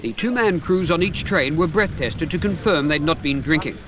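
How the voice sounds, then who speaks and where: Guy doing a formal news report voiceover, highish voice, hissy old tape. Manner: measured, formal reporting delivery. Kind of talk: scripted news narration.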